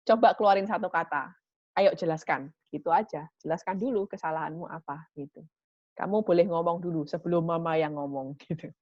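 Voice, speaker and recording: A woman with a lowish voice gives a parenting talk. She explains patiently and keeps checking in with her listeners. The recording is dry and a little dull. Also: no echo. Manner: warm teaching tone with frequent "gitu ya" tags. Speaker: parenting speaker.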